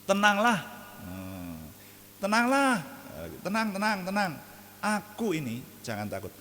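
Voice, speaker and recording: A preacher voicing a calm male teacher who reassures his frightened followers. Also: on the low side, big-room sound, a little hiss or hum, close to an everyday voice. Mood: soothing. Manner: soothing, drawn-out.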